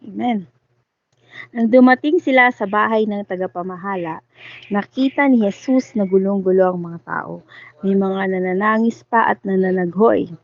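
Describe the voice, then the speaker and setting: A woman reads Bible verses aloud in a steady, formal way. Her pitch sits in the middle. The recording is dull and muffled, in lo-fi sound. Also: measured pace. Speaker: scripture reader.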